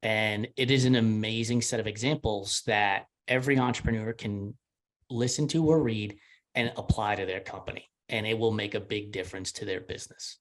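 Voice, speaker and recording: A man's voice: fairly low pitch, fairly even intonation, normal speed, slight background noise. A man speaking as a guest on a podcast, an entrepreneur telling stories about his business in an earnest, conversational way. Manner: earnest, storytelling. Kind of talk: casual interview chat.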